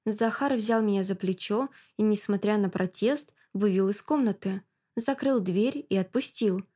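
A woman narrating a novel in first person, with a measured, sardonic delivery. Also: medium pitch, warm tone. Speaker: audiobook narrator.

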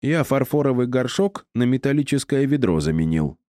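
A man's voice: mid-range voice, sing-song, moderate pace, dark tone, no room sound, clean studio sound, pitched above the performer's own voice, lightly acted. A man voicing a lonely, cruel old wizard who talks in a patronizing, mocking way.

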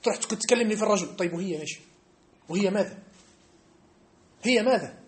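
A man giving a mosque study-circle lesson, animated and emphatic, often checking that his listeners understand. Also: high-pitched, rapid-fire. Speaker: religious teacher. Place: mosque hall.

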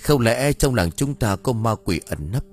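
A young villager asks in alarm, stammering a little, as a male storyteller reads him. The voice is close to the narrator's own, with lively intonation. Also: mid-range voice, moderate pace, soft background music, natural voice. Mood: startled. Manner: stammering, startled questions.

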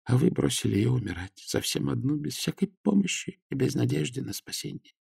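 A man voicing a gravely wounded young woman who speaks weakly but clearly, in a faint, halting way. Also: mid-range voice, lively intonation, darkish tone, no echo, studio quality, pitched above the performer's own voice, exaggerated voice. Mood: weak, tender. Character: dying young woman, weak and tender.

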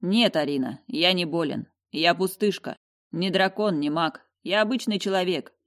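Brief: calm tired prince with a dry bitter edge, read by a woman, lowish voice, fantasy audiobook. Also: normal speed, close to an everyday voice. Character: weary young prince, calm and wry. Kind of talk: audiobook character voice.

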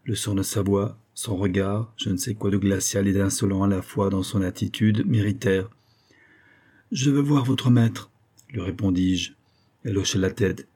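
A man narrating an audiobook story in a measured storytelling manner. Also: deep voice, little pitch movement, mellow, slightly rough. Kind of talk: audiobook reading.

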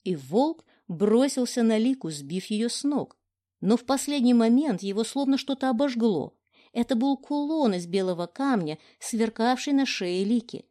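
A woman narrating a fantasy story as an audiobook with steady storytelling. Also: on the high side, moderate pace.

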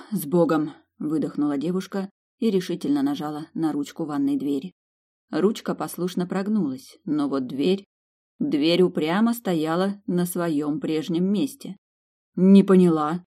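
A woman reading a comic novel aloud as audiobook narrator, with expressive storytelling. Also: low voice. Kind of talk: scripted narration.

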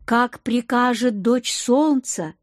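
Brief: woman doing a solemn, reverent cat-headed alien man for an audiobook, pitched a little higher, slow and dry. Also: dry recording. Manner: solemn, storytelling tone. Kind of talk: audiobook character voice.

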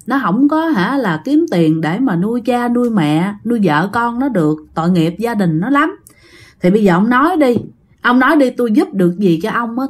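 A woman voicing an older village woman who works as a spirit medium, coaxing and pleading gently. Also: fairly high pitch.

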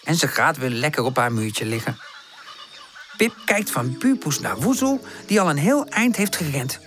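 A woman narrating a children's audiobook with expressive storytelling. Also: low-pitched, moderate pace, soft background music.

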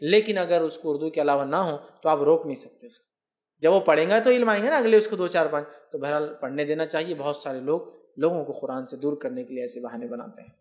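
A man answering viewers' questions as a religious scholar. He explains patiently, keeps checking that listeners follow him, and slowly sounds out Arabic words to show how they are pronounced. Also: fairly high pitch, darkish tone.

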